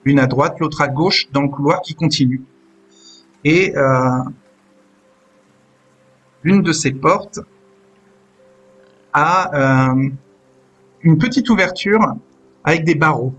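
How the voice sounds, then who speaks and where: A man running a tabletop role-playing game as game master, describing scenes slowly with frequent hesitations. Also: on the high side, fairly bright tone, breathy edge, soft background music. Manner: descriptive, hesitant with many "euh"s.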